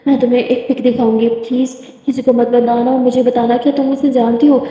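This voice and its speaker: Woman doing a worried young mother, halting, repeating words, high-pitched, echoey lo-fi room. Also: level tone, dark tone, natural voice. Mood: anxious, tender. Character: anxious young mother searching for her daughter. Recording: echoey room, dull lo-fi sound.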